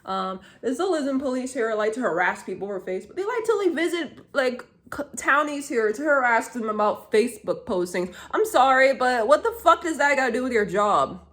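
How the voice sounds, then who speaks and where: A woman's voice: high voice, big pitch swings, brisk, a bit bright. Woman ranting in a rambling, profane way. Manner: rambling, profane, heated, many fillers and restarts. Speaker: vlogger. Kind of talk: casual rant to camera.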